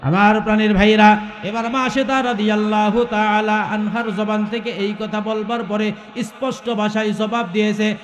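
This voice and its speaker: High-voiced chanting preacher man. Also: flat delivery, normal speed, reverberant. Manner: calls out questions to the crowd and breaks into melodic chanting. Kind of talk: Bangla waz sermon, chanted storytelling.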